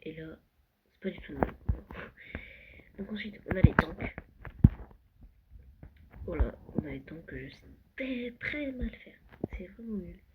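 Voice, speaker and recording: A young vlogger touring a Minecraft world late at night, often whispering and speaking softly. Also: medium pitch, expressive, unhurried, pauses often, narrow, tinny audio. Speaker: gaming vlogger. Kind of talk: casual Minecraft world tour. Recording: loud background noise.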